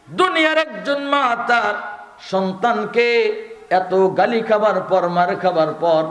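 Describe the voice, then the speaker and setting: A man's voice: fairly high pitch, echoey room. A man preaching an emotional sermon, rising and repeating phrases and chanting verses in a melodic sing-song.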